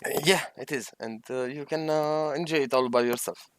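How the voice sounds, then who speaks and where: Loud man at a game table. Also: medium pitch, normal speed, clear, resonant tone. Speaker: player. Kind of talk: casual tabletop play.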